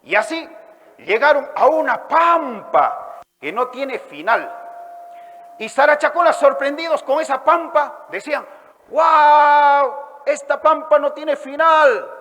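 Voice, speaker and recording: Man from Ayacucho, Peru, very high voice, lively folk storytelling, calls the audience to join in, long hall reverb. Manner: lively, drawn-out calls and sound effects, prompts the audience to repeat. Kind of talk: oral storytelling to a live audience.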